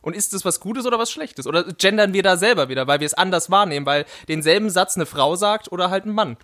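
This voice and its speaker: A man hosts a relaxed gaming discussion. His voice is notably high and he speaks at a brisk clip, posing questions and steering the talk. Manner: quick, question-posing, moderating. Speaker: podcast host. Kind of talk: casual gaming podcast chat.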